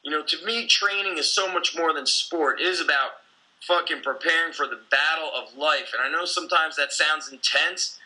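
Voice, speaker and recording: Bright-toned, intense man coaching talk. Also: on the high side, moderate pace, rough recording. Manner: intense, blunt, swears freely. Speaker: gym owner and coach. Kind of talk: casual podcast conversation.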